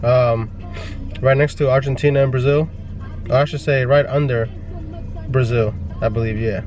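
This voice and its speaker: A man's voice: mid-range voice, fairly even intonation, normal speed, a little mellow. A man from Uruguay, talking in an easygoing, slightly hesitant way while vlogging for the first time. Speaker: husband vlogging. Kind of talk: casual vlog.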